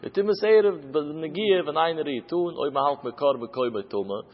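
A man's voice: on the high side, brisk. A man teaching a traditional Talmud lesson in a sing-song study chant, with phrases that rise and fall. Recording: dull lo-fi with long reverb.

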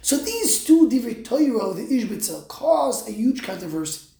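Casting: female religious lecturer, higher-pitched, emphatic explainer, recorded in an echoing room. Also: big pitch swings, normal speed, warm tone. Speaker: religious teacher. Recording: roomy, echoing sound.

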